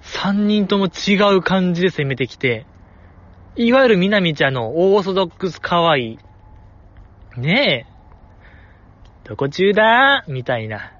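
Animated Kansai man talking outdoors. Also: high-pitched, normal speed, muffled recording. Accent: Kansai Japanese. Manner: animated, playful, acts out quoted lines. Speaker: host reviewing voice performances. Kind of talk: casual solo talk. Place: outdoors in the cold.

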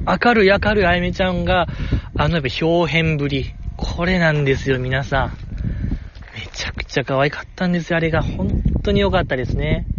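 A man with a Kansai accent hosting a solo podcast in casual chat, excitable, his pitch jumping when he gets enthused. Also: dull audio, slight background noise. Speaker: podcast host.

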